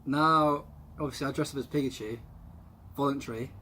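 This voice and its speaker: A man's voice: medium pitch, fairly even intonation, brisk, sharp tone. A man in his mid twenties, teasing his friend playfully in casual chat. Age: 20s. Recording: light background noise.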